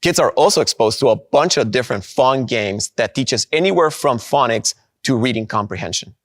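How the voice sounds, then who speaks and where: A man from Guatemala, giving an upbeat conference keynote and slowing down to stress key points. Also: mid-range voice, animated, a bit bright, dry recording, clean studio sound. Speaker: presenter of a product.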